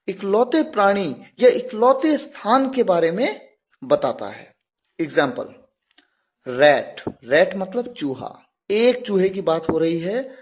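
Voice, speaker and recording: A man teaching a grammar lesson step by step, spelling words out letter by letter and repeating each example. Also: high-pitched. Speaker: English teacher.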